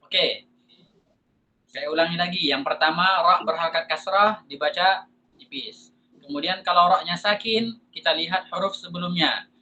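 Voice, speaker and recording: An Indonesian man teaching a lesson on Quran recitation, asking and answering his own questions and reciting examples slowly. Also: high voice, sharp tone, muffled recording, slight background noise. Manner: slow drawn-out recitation of examples. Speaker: tajwid teacher.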